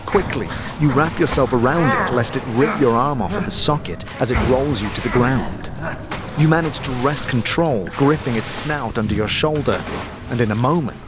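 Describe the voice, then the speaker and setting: Acting as game master of a fantasy story, a man delivers dramatic scripted narration in descriptive second-person storytelling. His voice is mid-range at a moderate pace, recorded clearly with background noise and ambience.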